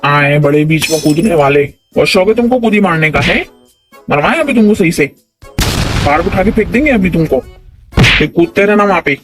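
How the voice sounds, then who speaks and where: A man's voice: high voice, lively intonation, normal speed. A man voicing a quarrelsome cartoon man who scolds and taunts a coworker, keeps asking if he understood. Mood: scolding. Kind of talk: animated comedy dialogue. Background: background music.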